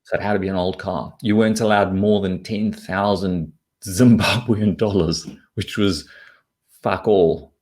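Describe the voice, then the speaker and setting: Low-pitched, darkish and steady, this man's voice moves at an unhurried pace. He is a southern African investment commentator being interviewed as a guest, explaining his opinions in a blunt, informal manner with casual swearing.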